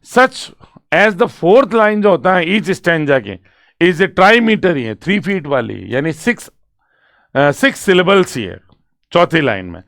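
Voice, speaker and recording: A male literature teacher who explains a poem's structure in Hindi. He reads the lines slowly and with stress, then breaks them down for exam students and keeps asking whether they follow. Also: a little high, very animated, vocal fry, a bit bright, dry recording, clean studio sound. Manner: asks students check questions, writes on a board. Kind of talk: exam-prep poetry lecture mixing Hindi and English.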